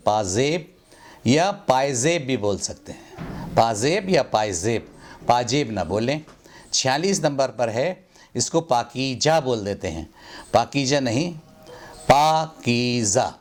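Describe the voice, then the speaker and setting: A man teaching pronunciation, speaking deliberately and repeating words for emphasis. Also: mid-range voice, darkish tone. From India. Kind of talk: pronunciation lesson.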